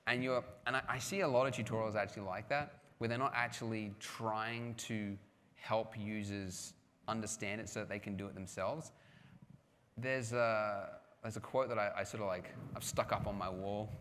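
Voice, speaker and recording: Lowish-voiced guy chatting on a conference stage, lots of likes and restarts, big echoey hall. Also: a bit bright. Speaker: guest speaker at a live conference panel. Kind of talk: casual conference talk with audience questions. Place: large hall with audience. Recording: long hall reverb with faint background noise.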